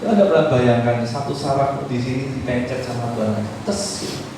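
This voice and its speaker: A male pastor preaching an animated sermon, swinging between loud and hushed, now and then mimicking pleading voices. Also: medium pitch, fairly quick. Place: church hall. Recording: very echoey church with faint background noise.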